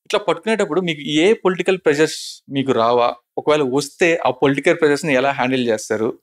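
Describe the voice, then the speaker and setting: A man's voice: a little high, very fast. A male interviewer asking long, respectful, probing questions.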